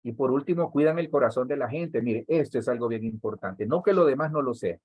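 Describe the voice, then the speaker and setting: A Honduran man preaching a teaching sermon to church workers in a slightly husky, middle-pitched voice. He talks straight to his listeners, often repeating a word to build emphasis. The sound is dry and close, with little room echo. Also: expressive, fairly quick, a little mellow. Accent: Honduran Spanish. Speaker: pastor.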